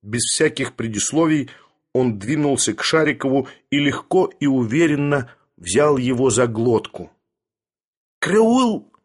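A man narrating a literary story in a steady, expressive storytelling manner, with a husky voice. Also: medium pitch, normal speed. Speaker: audiobook narrator.

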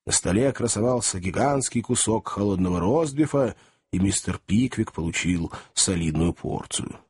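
A man reading a classic novel aloud in an expressive, animated storybook narration. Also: on the low side, normal speed, slightly rough, no room sound, studio quality. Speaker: audiobook narrator.

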